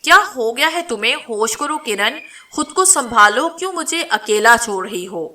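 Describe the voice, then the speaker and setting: A woman's voice: fairly high pitch, expressive, sharp tone, recorded from a distance. A woman voicing a frantic young man in a spoken horror story, calling out in anguish. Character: young man, frantic over his stricken bride.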